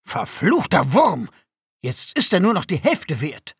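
A man voicing a huge, brutish male alien guard in an audiobook, loud, mocking and threatening. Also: fairly high pitch, normal speed, creaky, slightly rough, dry recording, clean studio sound. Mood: sneering.

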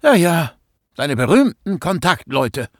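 A man's voice: fairly high pitch, expressive, moderate pace, no room sound, clean studio sound, pitched above the performer's own voice, close to an everyday voice. A man reading an audiobook and voicing an anxious teenage schoolboy who talks in an agitated, pleading way. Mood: sarcastic. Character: anxious teenage schoolboy, first-person hero.

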